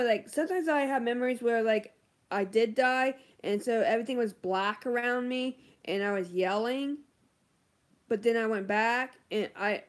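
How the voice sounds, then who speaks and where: A woman beauty vlogger chatting casually on a livestream, answering viewer comments with lots of ums and likes. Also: mid-range voice.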